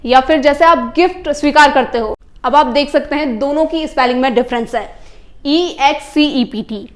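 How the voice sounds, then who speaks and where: A woman with a high, clear voice explains English grammar to her viewers, whom she calls friends. She dictates example sentences slowly and spells words out letter by letter. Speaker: English teacher.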